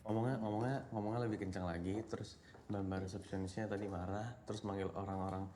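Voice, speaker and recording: A man's voice: lowish voice, fairly even intonation, fast talker, warm tone, slight background noise, natural voice. A young man in a film drama, teasing and sarcastic as he argues with friends on a trip. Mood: bickering. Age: young adult.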